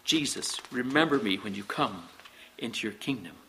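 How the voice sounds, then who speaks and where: A man voicing a humble, earnest condemned criminal in a scripture story, speaking in a hushed, slow, grave way. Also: mid-range voice, expressive, a little hiss or hum, voice pushed down, lightly acted, low-quality recording. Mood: humble, pleading.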